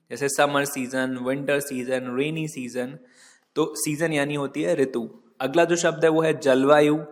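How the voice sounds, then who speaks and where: A man teaching vocabulary from slides, slow and patient, spelling each word out letter by letter and stopping to correct his own typos. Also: on the high side, big-room sound. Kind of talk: slide-based vocabulary lesson.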